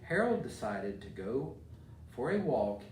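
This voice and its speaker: Reading a storybook aloud and chatting informally with children, a middle-aged American mayor speaks in a mid-range, darkish voice with big pitch swings at a measured pace. Soft music plays behind him, and the distant mic adds roomy echo and faint noise.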